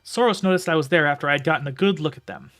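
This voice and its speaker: A man's voice: a little high, rapid-fire, a bit bright. A man streaming live, reading a novel aloud and commenting casually in a rambling way with filler words.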